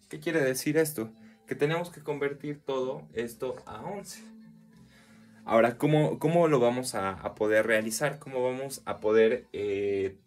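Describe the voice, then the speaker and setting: A man teaching a poetry lesson, counting syllables aloud slowly, with frequent hesitations and restarts. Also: medium pitch, darkish tone. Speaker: literature teacher. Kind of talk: explanatory recorded lesson.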